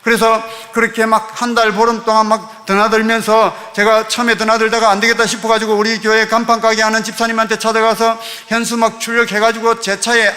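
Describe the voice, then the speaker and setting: A man's voice: sits high, big-room sound. A man with a Gyeongsang accent, a church deacon animatedly telling his testimony and acting out the dialogue. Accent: Gyeongsang Korean. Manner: excitable, acts out quoted dialogue.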